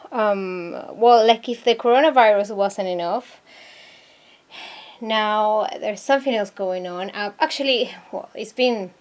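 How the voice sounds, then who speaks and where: A woman's voice: mid-range voice, a little slow. Earnest woman from Argentina, hesitant vlog talk. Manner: hesitant, searching for words, many fillers; earnest and troubled. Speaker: vlogger. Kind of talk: casual talk to camera.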